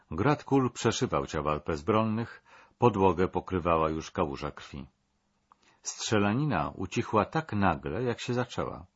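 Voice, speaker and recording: A man narrating a scripted documentary in a measured, dramatic storytelling manner. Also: deep voice, husky, muffled recording.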